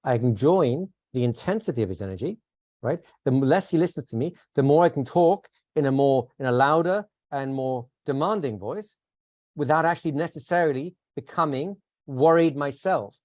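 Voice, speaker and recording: A man teaching a live workshop, talking conversationally, asking the class questions and shifting into a calm, soothing voice to demonstrate. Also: medium pitch, moderate pace, no echo, studio quality. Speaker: instructor.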